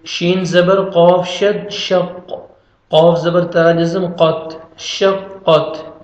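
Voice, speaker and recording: A man's voice: high-pitched, level tone, darkish tone, roomy sound, highs cut off. A man giving a Quran reading lesson, patiently spelling out letters and vowel marks syllable by syllable. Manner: patient, instructive, drills syllables one by one. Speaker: Quran teacher.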